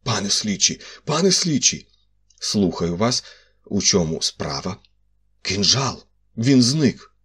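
A man voicing an excitable middle-aged police commissary who speaks in urgent, clipped bursts, with a husky voice. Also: fairly low pitch, a little slow, exaggerated voice. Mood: alarmed.

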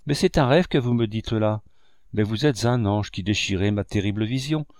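A man's voice: fairly low pitch, normal speed, darkish tone, no room sound, studio quality, close to an everyday voice. A man reading the part of a jealous, despairing young lover in an audiobook, impassioned and accusing.

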